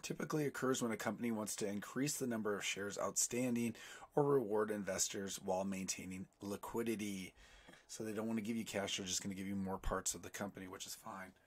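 A man with a hoarse voice from a cold, hosting a casual finance video and reading an article aloud with chatty asides. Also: fairly low pitch, steady tone, brisk. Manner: loose and chatty, with many fillers and asides. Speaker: personal finance video host.

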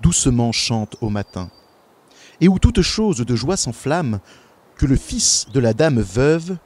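A man reading medieval verse aloud with slow, careful recitation. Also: medium pitch, a little mellow. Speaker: podcast guest.

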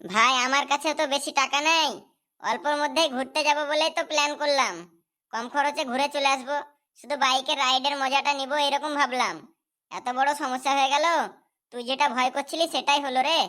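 A woman's voice: sits high, fairly even intonation, fairly quick, bright, forceful tone. A woman voicing an easygoing young male friend in a cartoon.

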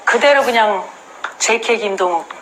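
A woman's voice: mid-range voice, normal speed. A woman giving exclamatory reaction commentary, gushing with mock-reverent praise. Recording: clear background noise.

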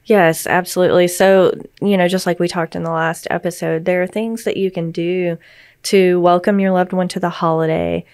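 A woman speaking as a grief counselor and podcast co-host, giving gentle, reassuring explanations in conversation. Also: on the low side, steady tone, normal speed, clear, resonant tone, no room sound, studio quality.

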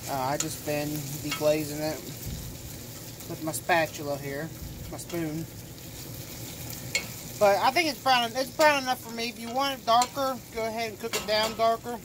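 A home cook vlogger with a high voice chats while cooking in a small RV kitchen, holding a phone camera over the stove. His talk is relaxed, rambling and folksy, full of fillers and frequent pauses at a moderate pace. Sizzling food and kitchen noise fill the background of this casual cooking vlog.

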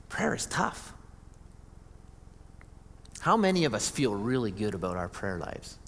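A male pastor preaching a sermon in an earnest, conversational way, often restarting his sentences. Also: medium pitch. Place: church sanctuary. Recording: church hall reverb.

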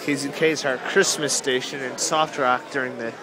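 Walking through a nighttime zoo light show, this young man vlogs in a casual, rambling way and is quick to find things funny. His voice is mid-pitched and steady at a normal speed. The handheld camera picks up noisy, crowded outdoor sound with chattering people and general outdoor noise around him.

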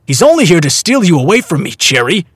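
A man's voice: high voice, big pitch swings, quick pace, a bit bright, breathy edge, dry recording, exaggerated voice. A man voicing a hot-tempered middle-aged chef who roars threats at his daughter's admirer. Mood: furious. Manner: roaring, threatening.

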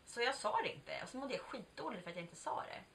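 A woman's voice: a little high, lively intonation, fairly bright tone. A woman in her twenties telling a personal story in a chatty, candid way, swearing now and then and acting out bits of dialogue. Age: 20s. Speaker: vlogger. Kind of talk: casual confessional storytelling. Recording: distant mic with faint background noise.

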